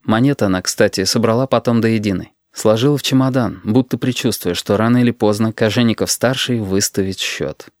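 Here an audiobook narrator, a man with a lowish voice, reads scripted text in an even, measured way suited to storytelling. The sound is dry and clean, as from a studio.

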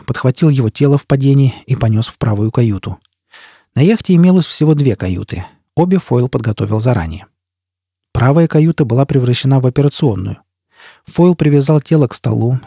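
A man reading an audiobook in a steady, measured way, his voice husky and mellow rather than bright. He is recorded close on a studio mic with a completely dry sound. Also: medium pitch, no echo. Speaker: audiobook narrator. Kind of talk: scripted narration.

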